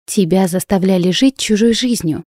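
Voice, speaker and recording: A woman doing an excitable young woman friend. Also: moderate pace, no echo, clean studio sound, close to an everyday voice. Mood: lively. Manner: bright, exclaiming, raised pitch. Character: lively, enthusiastic young woman artist friend. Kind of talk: audiobook character voice.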